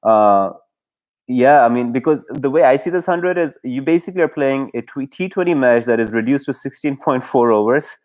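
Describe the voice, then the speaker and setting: A man's voice: medium pitch, animated, moderate pace, darkish tone. A man from Pakistan, hosting a casual solo livestream chat, rambling and hesitant, with many fillers and frequent laughs. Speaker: YouTube livestream host.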